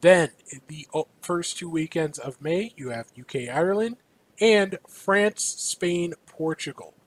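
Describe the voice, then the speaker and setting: A man's voice: a little high, animated, a little slow, rough recording. A man co-hosting a casual gaming news show, running through a schedule playfully with a few fillers. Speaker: co-host. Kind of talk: casual esports news chat.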